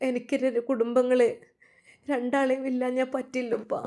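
Woman reads a tearful young wife with a Malabar Malayalam accent, soft pleading tone, storybook narration. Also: high-pitched, flat delivery, moderate pace, lightly acted. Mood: sorrowful.

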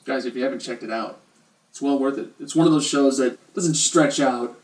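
A man's voice: medium pitch, moderate pace. A man co-hosting a casual show, joking around playfully. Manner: jokey, playful. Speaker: co-host. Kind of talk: casual chat reviewing a TV show. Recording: roomy, distant mic.

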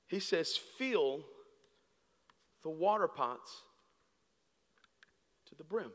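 A man in his thirties preaching a sermon on a large church stage with a handheld mic, swinging from hushed, slow lines to shouted peaks. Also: fairly high pitch, lively intonation. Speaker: guest preacher. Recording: long hall reverb.

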